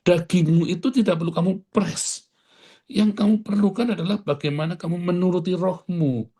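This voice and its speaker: Animated male preacher, loud-then-soft sermon. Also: high voice, normal speed. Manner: animated preaching, swings between loud bursts and quiet asides; casual street slang mixed into preaching. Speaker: pastor.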